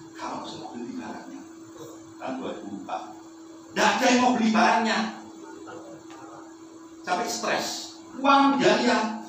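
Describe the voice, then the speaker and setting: High-voiced preacher in a hall. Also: male voice, distant mic, background noise. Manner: animated, addresses the congregation often. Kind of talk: storytelling sermon. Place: large echoey church hall. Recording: echoey hall, off-mic.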